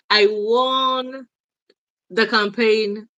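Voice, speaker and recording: A woman's voice: on the high side, fairly even intonation, extremely slow, fairly bright tone, no room sound. A Ugandan woman speaking as an interview guest, emphatic and insistent, repeating her points. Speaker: guest, activist. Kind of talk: interview, mixing English and Luganda.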